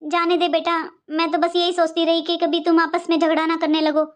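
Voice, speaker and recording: A woman voicing a meek elderly mother who speaks softly and gently in a family drama. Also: extremely high pitch, little pitch movement, brisk. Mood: resigned.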